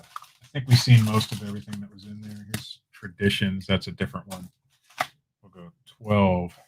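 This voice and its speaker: There's slight background noise as a man with a low-leaning voice hosts a casual auction on a live stream. Easygoing and talkative, he addresses viewers in chat while showing items and calling bids.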